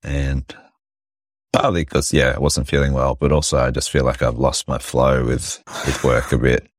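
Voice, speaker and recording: A man chatting casually on a podcast, reflective, with a husky, sick voice that is giving out. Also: extremely low pitch, little pitch movement, normal speed, no room sound, studio quality. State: sick, voice giving out after losing it. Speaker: podcast host. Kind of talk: casual chat.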